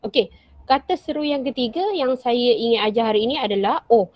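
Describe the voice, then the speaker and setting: A primary school teacher with a Malaysian Malay accent gives an online lesson, patiently repeating example sentences and acting out their intonation. Her voice is on the high side, a little fast and darkish in tone, and the dry, dull lo-fi recording carries a little hiss or hum.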